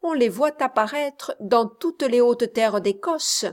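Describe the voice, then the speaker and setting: A spirited young Scottish woman, romantic and quick to take offence, as a woman reads her aloud. She speaks slowly, in a fairly high voice, with real passion. The reading is unhurried. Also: animated. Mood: passionate. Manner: passionate, indignant.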